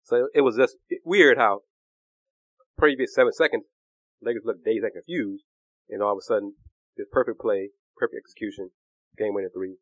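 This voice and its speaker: A man hosting a casual sports podcast, hoarse with a cough, talking in a joking, laid-back way. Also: on the low side, normal speed, long pauses, dry recording, lo-fi sound. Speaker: podcast host.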